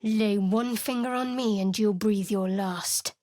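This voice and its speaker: An actress voices a guarded young female cleric in a video game, speaking in a cool, wry and secretive manner. Her medium-pitched, darkish voice is steady, unhurried and natural, recorded dry on a studio mic in a booth with no room sound.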